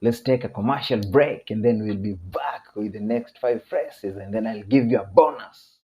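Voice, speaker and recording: A man with a Kenyan accent teaching a casual video lesson, chatty, laughing often and repeating phrases slowly. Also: lowish voice, dull audio.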